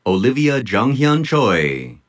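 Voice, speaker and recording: A man announcing graduates' names at an outdoor commencement ceremony, in a measured, deliberate manner. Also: mid-range voice, sing-song. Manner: measured, deliberate name-reading. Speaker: commencement name reader. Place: outdoor tent stage at a graduation.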